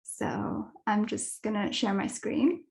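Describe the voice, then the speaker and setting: Over a video call, a young adult Kenyan woman gives a presentation as a dark sky advocate. She speaks thoughtfully with soft fillers, her mid-range voice level in tone, slow in pace, and touched with vocal fry.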